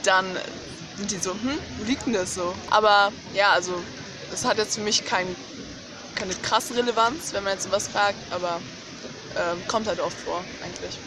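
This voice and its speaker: A teenager chatting casually in an interview in a park, relaxed and trailing off. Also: medium pitch, moderate pace. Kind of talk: casual chat. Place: park outdoors. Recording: outdoor park, traffic noise.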